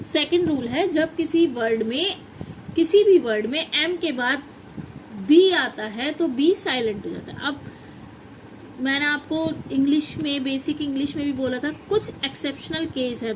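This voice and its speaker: A woman's voice: sits high, slight background noise, low-quality recording. A woman with a Hindi accent teaching English pronunciation in a classroom style, often asking questions and answering them herself.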